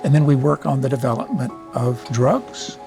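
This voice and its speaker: A man's voice: mid-range voice, animated, moderate pace, creaky, warm tone. A man who is a cancer researcher, explaining his work directly in an interview. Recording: music underneath. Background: music.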